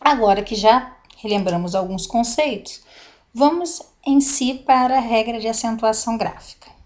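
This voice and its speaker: Woman teaching grammar slowly. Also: a little high. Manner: slow, deliberate, spelling out examples. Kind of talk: grammar lesson.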